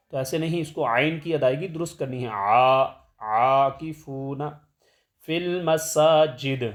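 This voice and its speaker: A man teaching tajweed, explaining rules plainly and then reciting verses in a slow melodic chant. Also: a little high.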